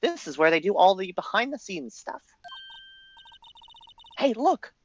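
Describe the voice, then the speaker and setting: A woman voicing an excitable young female sidekick who exclaims often. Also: medium pitch, unhurried, lo-fi sound, a little hiss or hum. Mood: eager.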